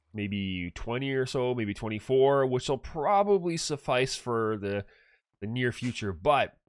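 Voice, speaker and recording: A gaming channel host, stuffed up with allergies, casually comments on his own gameplay in a low-ish voice with no echo. His talk is chatty and rambling, and he often corrects himself.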